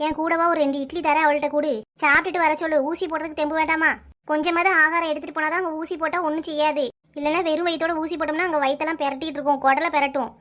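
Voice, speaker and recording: A kindly but bossy older village woman in a cartoon, scolding and reassuring at length in a Kanyakumari Tamil accent, as a woman voices her. Her voice is pitched extremely high. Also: flat delivery, rapid-fire, fairly bright tone.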